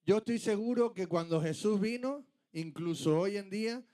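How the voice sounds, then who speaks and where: High-voiced emphatic preacher man. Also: normal speed, warm tone. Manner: emphatic, rhetorical questions, rising to urgent peaks. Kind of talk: sermon.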